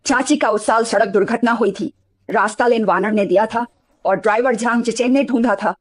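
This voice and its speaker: A woman dubbing a shrewd young woman who calmly persuades the hero. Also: fairly high pitch, normal speed, a crowd in the background, lightly acted. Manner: calm, persuasive. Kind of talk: dubbed drama acting.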